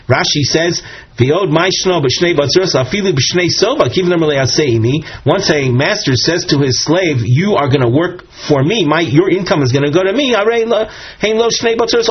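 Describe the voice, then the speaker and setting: A man's husky, medium-pitched voice guides a Talmud text lesson, explaining things one step at a time and bringing in Aramaic and Hebrew quotations. The recording sounds dull and lo-fi.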